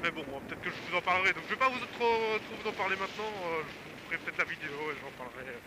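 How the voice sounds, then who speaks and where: A man chatting casually and haltingly in a raised voice as he vlogs from a motorcycle, with slangy wording. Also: a little high. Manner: slangy, mildly swearing, hesitant. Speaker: motorcycle vlogger. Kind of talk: casual rambling vlog chat while riding. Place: outdoors, riding a motorcycle. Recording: loud wind and engine noise on helmet mic.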